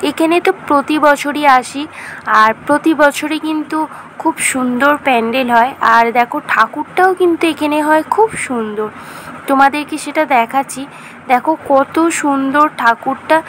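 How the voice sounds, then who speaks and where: A woman narrating a casual vlog, chatty and enthusiastic as she talks straight to her viewers, her voice hoarse after a fever. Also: high-pitched, moderate pace, a bit bright, a little hiss or hum, low-quality recording. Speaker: vlogger.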